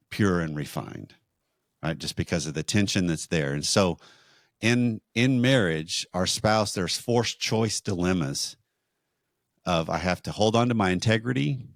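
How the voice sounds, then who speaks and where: A man co-hosting a marriage podcast, teaching in a measured, explanatory way with rhetorical questions. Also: deep voice, no echo, clean studio sound.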